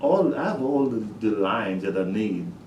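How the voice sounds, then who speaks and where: A middle-aged man from Trinidad, a high school principal, telling lively stories about his students in a casual interview. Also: moderate pace, muffled recording, noisy background. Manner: animated storyteller, acts out his talks with students. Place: school office. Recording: echoey room, distant mic.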